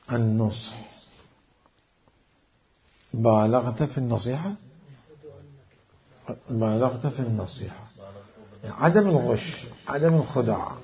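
A man delivers a religious jurisprudence lecture at a deliberate pace, posing questions to his listeners and answering them himself. His voice carries a gravelly rasp at a middling pitch. The recording sounds dull and lo-fi. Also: a little mellow. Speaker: religious scholar teaching.

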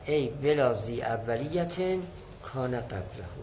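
A man's voice: medium pitch, darkish tone, rough recording. A man teaching a lesson, reading a classical text and explaining it line by line, repeating and rephrasing points. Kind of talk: lecturing on a classical Arabic text.

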